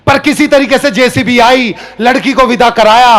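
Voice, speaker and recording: A man with a very high voice performs a comic story on stage at a poetry gathering. He tells it with animated energy, jumping between characters as he goes. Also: moderate pace. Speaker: comic poet.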